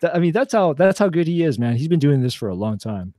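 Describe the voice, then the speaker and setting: Brief: young male co-host, relaxed mellow voice, loose rambling delivery full of fillers. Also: on the high side, fast, no room sound, studio quality. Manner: rambling, lots of fillers and restarts. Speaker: podcast co-host. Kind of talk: casual chat.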